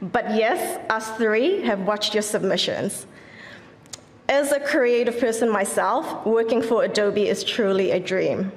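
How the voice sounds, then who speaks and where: Speaking a little slowly in a medium pitch, this woman judge gives a sincere, supportive award speech from the stage of a big event hall. She begins with a formal greeting in Māori, and the recording carries the hall's long, echoing reverb.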